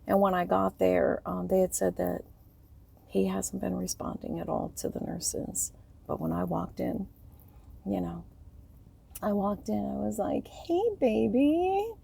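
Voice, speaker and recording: A middle-aged woman telling a personal story to camera in a soft, rambling way, grieving, her voice breaking and trailing off. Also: on the low side, little pitch movement, a little slow, creaky, pauses often, breathy edge. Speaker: vlogger.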